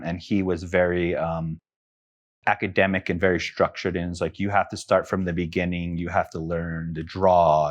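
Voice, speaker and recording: A young man from Taos Pueblo speaks as a guest on an artist podcast, with a very low voice. He talks softly and reflectively, pausing often and filling gaps with fillers. His delivery is casual and unhurried. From Taos Pueblo, New Mexico. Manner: soft-spoken, reflective, many fillers. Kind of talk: casual interview talk.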